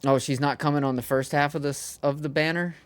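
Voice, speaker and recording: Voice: mid-range voice, fairly even intonation, a little fast, clear, resonant tone, dry recording. A streamer chatting casually on a livestream, rambling and laughing often with the viewers.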